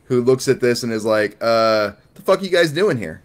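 A man's voice: medium pitch, lively intonation, normal speed. A man co-hosting a casual movie review chat, blunt and rambling, swearing freely and answering his own rhetorical questions. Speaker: podcast co-host.

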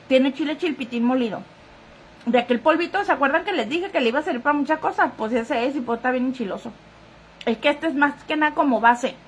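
High-voiced woman gossiping live. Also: fairly bright tone. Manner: chatty, talking straight to viewers. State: sniffly, runny nose. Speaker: live-stream gossip host. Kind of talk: casual chat reading viewer comments.

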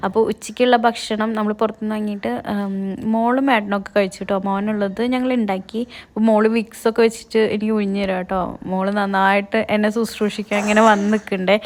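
A woman's voice: medium pitch, vocal fry. A woman, talking through a casual vlog while in pain after a tooth extraction, chatty and adding tag words as she goes. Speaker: vlogger.

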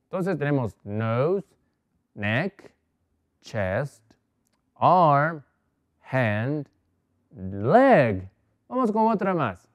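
Slow, patient male language teacher. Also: on the high side, big pitch swings, dry recording. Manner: slow, patient, repeats each word. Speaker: English teacher. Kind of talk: televised language lesson for Spanish speakers.

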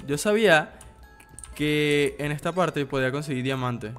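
A man's voice: medium pitch, a bit bright. A young man giving casual let's play commentary, slangy and swearing, easily frightened. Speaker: gaming YouTuber.

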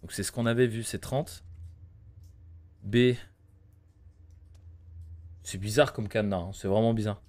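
A man's voice: on the low side, fairly even intonation, unhurried, long pauses, a little mellow. A man in his thirties doing casual live game commentary, muttering to himself and talking to his chat. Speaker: game streamer.

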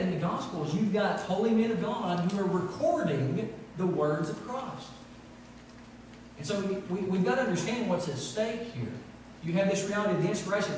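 A middle-aged pastor delivers a sermon from the pulpit of a big church sanctuary, hammering home his points by repeating phrases. He has a high voice with a darkish tone. The audio is distant, with hall echo and faint background noise.

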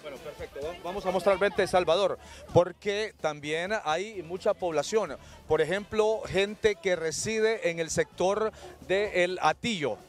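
A man's voice: high voice, unhurried, soft background music. A man with a Honduran accent reporting live from the street and putting questions to residents. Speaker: field reporter. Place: outdoors on a street. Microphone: handheld microphone.

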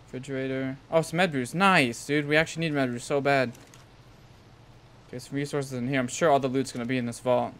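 A man's voice: mid-range voice, level tone, quick pace. A young man giving casual gameplay commentary in slangy, sweary frat-bro talk. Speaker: gaming video host.

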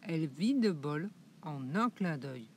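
A woman narrating a children's audiobook in a slow, clear and expressive way. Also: low-pitched, slight background noise. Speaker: storyteller.

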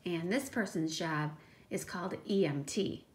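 Reading a picture book to young children a little slowly, a woman teacher uses a voice on the low side, with slight background noise. Her manner is emphatic and child-directed, with asides that question and explain.

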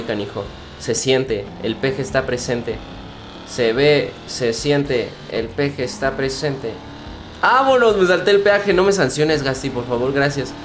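A man's voice: medium pitch, slight background noise. A young man, joking and repeating phrases as he comments on his gameplay. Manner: playful, joking, repeats phrases, laughs often. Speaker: gaming streamer. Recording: faint music behind.

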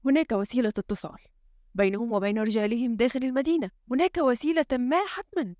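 A woman's voice: on the high side, fast talker, darkish tone, no room sound, studio quality, lightly acted. A woman voicing a tense, suspicious male head of state who mutters urgently and gives commands in an audiobook reading. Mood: agitated.

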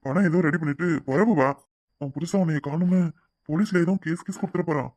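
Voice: medium pitch, quick pace, a little mellow, no room sound, close to an everyday voice. A performer voicing a scheming male lover in a cartoon who sweet-talks for money, with a Tirunelveli Tamil accent. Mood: coaxing. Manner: coaxing, sweet-talking. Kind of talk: cartoon voice acting.

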